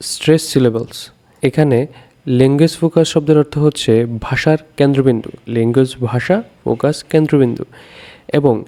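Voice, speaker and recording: A man teaching a primary English lesson, explaining step by step and slowing down to sound out English words. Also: medium pitch, warm tone. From Bangladesh. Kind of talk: classroom lesson.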